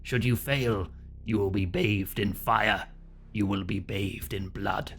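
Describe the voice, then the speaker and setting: A man voicing a stern demonic judge from a video game, in a slow, solemn, possessed manner of pronouncing doom. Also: lowish voice, steady tone, fairly bright tone, a little hiss or hum, pitched below the performer's own voice. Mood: menacing, judging. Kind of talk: dramatic video game role-play. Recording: music behind the voice.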